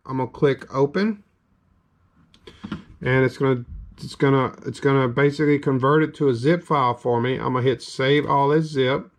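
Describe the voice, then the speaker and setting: A man with a Southern US accent walks through a tech setup in a loose, rambling way, stopping often for ums and small restarts. His voice sits at an ordinary mid pitch. Keyboard typing clicks now and then behind him. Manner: rambling, filler-heavy, step-by-step narration. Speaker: game hardware reviewer. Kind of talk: casual screen-recorded tutorial.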